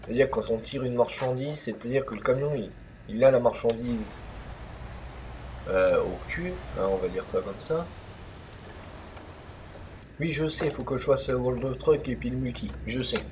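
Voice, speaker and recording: A man's voice: medium pitch, normal speed, long pauses, darkish tone, slight background noise, rough recording. A young man casually commenting on a truck driving game, rambling with many fillers and restarts. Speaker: gaming youtuber. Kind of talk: casual let's-play commentary.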